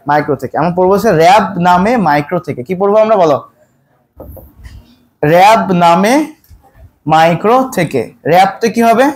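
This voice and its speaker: A man teaching a biology exam-prep lesson. He keeps quizzing his students and repeats each question, then slows down to spell out scientific terms. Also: high-pitched.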